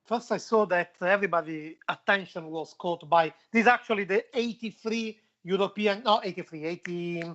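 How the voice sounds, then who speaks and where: A man's voice: high-pitched, normal speed, hardly any pauses, fairly bright tone. Playful man with a foreign accent, muffled audio. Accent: foreign, non-native English. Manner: playful, emphatic repetition. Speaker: football show presenter. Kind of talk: casual chat.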